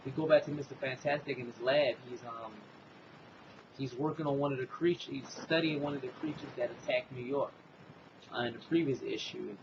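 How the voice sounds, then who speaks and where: A man's voice: medium pitch, a little fast, lo-fi sound, background noise. A man hosting a casual comic book review, retelling the story loosely with lots of fillers and "basically".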